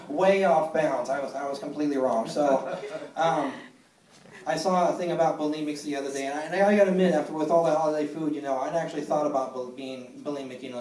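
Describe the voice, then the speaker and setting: Male stand-up, dry and self-mocking, slightly high voice, recorded from the crowd in a roomy club. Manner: deadpan, self-deprecating, halting with many fillers. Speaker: stand-up comedian. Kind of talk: stand-up comedy set. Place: comedy club stage. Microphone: phone recording from the audience. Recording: echoey room, mic far from stage.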